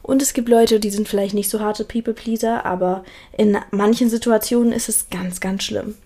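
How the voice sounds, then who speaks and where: A woman's voice: medium pitch, fairly even intonation, moderate pace, mellow. A young woman hosting a solo talk, speaking earnestly and reflectively, often restarting and repeating words. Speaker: podcast host.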